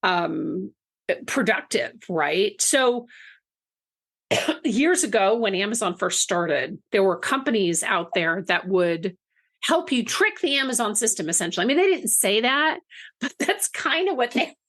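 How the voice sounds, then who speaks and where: A woman's voice: mid-range voice, lively intonation, measured pace, fairly bright tone, dry recording, clean studio sound. A woman co-hosting a podcast in a chatty, casual way, often restarting her sentences and laughing easily. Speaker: podcast co-host.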